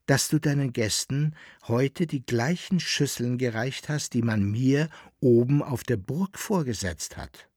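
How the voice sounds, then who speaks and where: A man's voice: mid-range voice, a little slow, hardly any pauses, a little mellow, husky, dry recording, studio quality. A man doing a drawling, amused innkeeper's guest. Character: jovial, knowing man at an inn.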